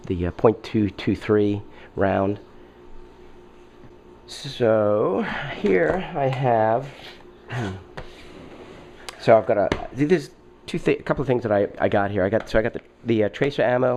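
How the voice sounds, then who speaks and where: A man with a cold speaks nasally while casually unboxing as a video host, frequently halting with fillers and throat-clearing. His voice sits lowish with a darkish tone, and a little hiss or hum runs underneath.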